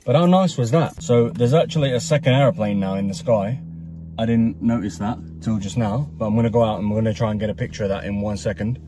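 Here a man in his thirties with a mellow, fairly low voice talks quickly and steadily, giving his viewers casual, chatty vlog commentary that tends to repeat itself. Recorded on a phone camera in open countryside and in a car, the audio picks up plenty of noise.

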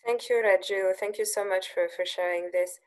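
A woman's voice: medium pitch, fairly even intonation, normal speed. A woman moderating an online talk over a video call, politely thanking speakers and passing the floor.

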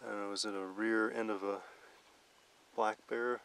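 A man hiking in the woods, musing aloud in casual halting commentary for his video. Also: on the low side, flat delivery, vocal fry. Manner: musing, halting, soft-spoken. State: out of breath. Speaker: vlogger exploring for Bigfoot signs. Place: outdoors in a mountain forest. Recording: noisy outdoor camera audio.

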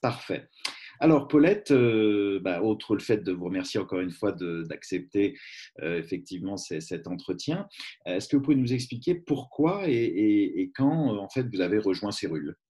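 A man's voice: on the low side, animated, moderate pace, dark tone, slightly rough. A man interviewing a guest, asking polite, stumbling questions. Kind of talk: formal interview.

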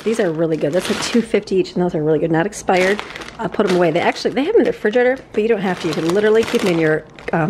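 A woman with a medium-pitched voice speaks over a noisy background. In her forties, this family vlogger casually shows off a grocery haul on a handheld camera, laughing and rambling, out on a porch after being indoors at a kitchen counter earlier.

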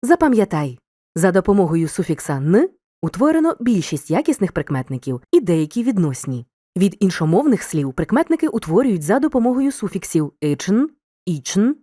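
A woman reading a scripted video lesson as a teacher, giving examples in a clear, deliberate way. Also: mid-range voice, mellow, dry recording, studio quality.

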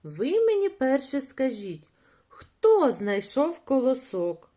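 Woman doing a lively, hardworking little rooster. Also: sits high, voice pushed up, full character voice. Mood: stern. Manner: brisk, calling out and questioning. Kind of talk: storybook reading for children.

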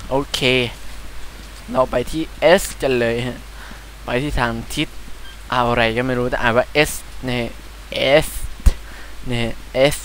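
A young man with a Thai accent giving chatty, excitable let's-play commentary, often startled into quick exclamations. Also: mid-range voice, slight background noise, poor audio. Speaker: gaming channel host.

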